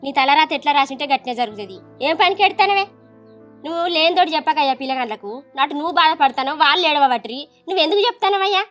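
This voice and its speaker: An actress with a Telangana Telugu accent playing an older mother who hushes and consoles her family. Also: high voice, lively intonation, racing, soft background music. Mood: consoling. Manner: soothing, hushing, scolding gently.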